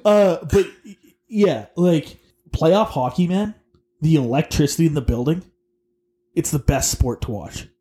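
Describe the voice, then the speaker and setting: A young man with a slightly raised pitch, chatting loosely on a sports podcast. He swears freely and laughs easily, and he sounds keyed up about the game. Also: husky. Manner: excitable, swearing, quick to laugh. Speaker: podcast co-host. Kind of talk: casual sports podcast chat.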